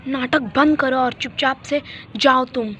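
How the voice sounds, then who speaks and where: A woman's voice: high-pitched, fairly even intonation, unhurried, a crowd in the background. A woman voicing a cruel bossy big sister. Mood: contemptuous. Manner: scolding, bossy. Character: mean bossy older sister, cruel and vain. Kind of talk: doll-play storytelling. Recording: dull lo-fi recording.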